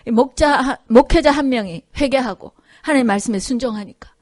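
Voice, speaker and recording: With a fairly quick pace and a high, slightly mellow voice, a woman pastor delivers a chatty Korean sermon in a church sanctuary. She keeps checking in with her congregation, peppering her talk with "그죠?" and "예?", and acts out the voices in her story. The sound is clean studio audio with no room sound.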